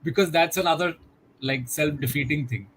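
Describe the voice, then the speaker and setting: A middle-aged man, a guest in a conversational interview, speaking in a reflective, measured way with many "you know" fillers over a video call. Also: on the high side, fairly bright tone, a little hiss or hum, rough recording.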